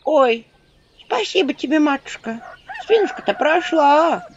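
A woman voicing a hunched old village crone who whines in a high, creaky voice. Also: animated, a little slow. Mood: whining. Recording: dull audio with faint noise.

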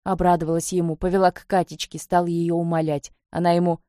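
A woman's voice: fairly low pitch, flat delivery, quick pace, warm tone, no room sound, studio quality. A woman reading aloud a first-person story told in folksy, plainspoken narration. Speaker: audiobook reader.

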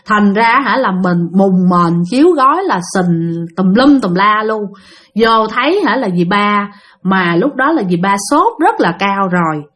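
A woman's voice: medium pitch, lively intonation, a little slow, fairly bright tone. A woman telling a ghost story, addressing her listeners directly.

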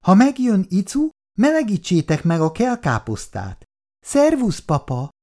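A stubborn elderly housewife. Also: female voice, mid-range voice, wildly swooping pitch, dark tone. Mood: excited. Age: older. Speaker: Mrs. Szabó. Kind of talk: 1960s radio drama acting.

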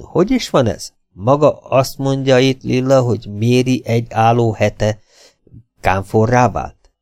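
A man's voice: mid-range voice, darkish tone, dry recording, clean studio sound, close to an everyday voice. A man voicing a tense young man in an audiobook, speaking in agitated, demanding bursts.

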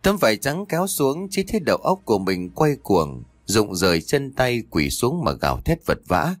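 Expressive male story narrator. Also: medium pitch, moderate pace, dry recording. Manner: dramatic, expressive reading. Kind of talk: scripted dramatic story narration.

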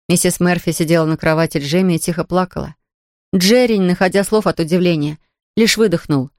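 A reader narrating a children's novel in an even, storytelling way. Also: mid-range voice, dry recording, studio quality. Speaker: audiobook narrator.

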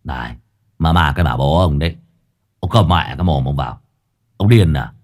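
A man's voice: very deep voice, expressive, normal speed, voice pushed down. A man voicing a crude, irritable young deckhand who curses coarsely. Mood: angry cursing. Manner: coarse, cursing.

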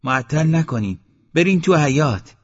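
A loud, bossy village mother fires off orders in a raised, high voice, as a male storyteller puts her on. The recording is dull and lo-fi. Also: animated, breathy edge, big-room sound. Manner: loud, urgent commands.

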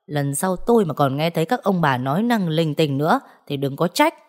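A woman voicing a gruff, stubborn old male village butcher who talks bluntly and scolds. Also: deep voice, sing-song, fairly quick, a little mellow. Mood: scornful.

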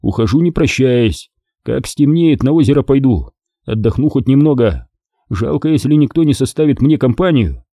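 A man's voice: mid-range voice, expressive, moderate pace, mellow, dry recording. A man voicing a tired, grumbling army captain with a dry wit in an audiobook. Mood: wry.

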